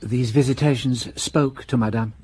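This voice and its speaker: A man's voice: medium pitch, fairly even intonation, moderate pace, a little mellow, slightly rough. A man playing a shrewd, courteous police inspector who questions a witness with polite probing in a radio drama.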